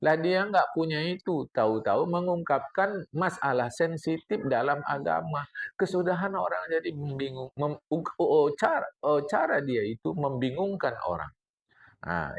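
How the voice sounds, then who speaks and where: An older man teaches a study circle, his speech lively and full of asides to the listeners. His voice is gravelly with a slightly raised pitch. He recites Arabic lines and then unpacks them plainly. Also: dull audio. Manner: animated lecturing, addresses the congregation, recites Arabic text then explains. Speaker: religious teacher. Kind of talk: mosque study-circle sermon.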